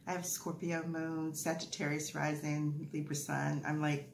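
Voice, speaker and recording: A woman's voice: low-pitched, level tone, unhurried, creaky, echoey room, slight background noise. A woman giving a chatty, rambling tarot reading, full of fillers and asides. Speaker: tarot reader. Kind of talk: casual tarot reading to camera.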